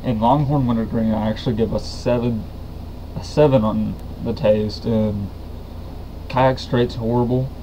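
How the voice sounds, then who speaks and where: A man's voice: mid-range voice, steady tone, unhurried, dark tone. A young man with a Southern US accent gives a casual product review, talking with a lip full of chewing tobacco. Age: young adult. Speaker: dip reviewer. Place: small room indoors. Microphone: webcam or computer mic at arm's length. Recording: dull, noisy webcam audio.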